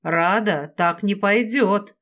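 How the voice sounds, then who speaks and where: A woman voicing a possessive, domineering male serpent lord in an audiobook, speaking low and commanding. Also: slow, a bit bright. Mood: demanding.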